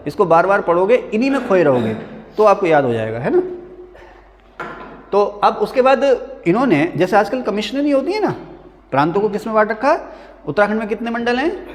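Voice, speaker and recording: A man teaching a history lesson in a classroom, turning each point into a quick question and answer and joking with his students between points. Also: sits high, sing-song. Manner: repeats key answers as quiz-style questions. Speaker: history teacher at a coaching academy. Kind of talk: classroom lecture. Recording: long reverb of a hall-like classroom.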